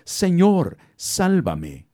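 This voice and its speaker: Male reader voicing Peter, earnest grown fisherman disciple; low dark tone, measured. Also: expressive, heavily acted. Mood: pleading.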